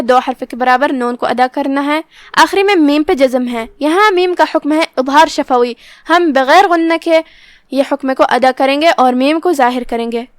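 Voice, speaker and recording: A woman teaching Quran recitation rules, explaining each word steadily and then reciting verses in a slow, drawn-out voice. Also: sits high, no room sound, studio quality. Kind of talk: tajweed lesson with slow recitation.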